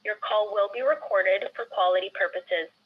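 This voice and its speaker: A woman's breathy voice plays as a recorded phone menu message over a dull phone line. She reads the customer service prompts in an even, measured way. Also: mid-range voice.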